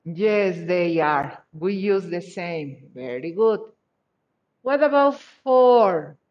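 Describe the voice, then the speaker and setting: Slow, patient woman teacher. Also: fairly low pitch, animated. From Mexico. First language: Spanish. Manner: patient, encouraging, repeats praise. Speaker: English teacher. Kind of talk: online class, checking answers. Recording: dull lo-fi video call audio.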